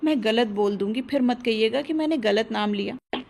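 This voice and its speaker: A woman voicing a timid, talkative young bride in an audio story, speaking nervously and quickly. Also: a little high, darkish tone.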